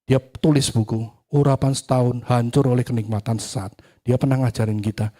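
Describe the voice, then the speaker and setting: Male preacher, warm dark tone, animated storytelling sermon with acted-out dialogue. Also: mid-range voice, brisk. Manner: animated storytelling, acts out dialogue, swings from loud to hushed. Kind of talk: sermon with personal testimony.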